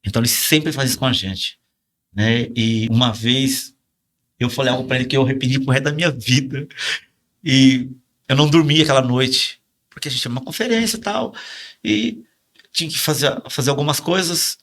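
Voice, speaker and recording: A man's voice: medium pitch, a little fast, a bit bright. A man with a Brazilian Portuguese accent, a pastor telling his testimony in a podcast conversation, emotional and acting out the quoted lines in a raised voice. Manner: emotional storytelling, acts out quoted dialogue in a raised voice.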